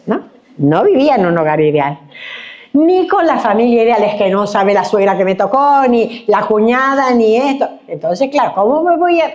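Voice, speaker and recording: Woman bible teacher, sermon in church, warm mellow voice, a bit dull recording, acts out little voices. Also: fairly high pitch, moderate pace. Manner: animated, acts out complaining voices, asks the audience questions. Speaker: Bible teacher at a women's conference.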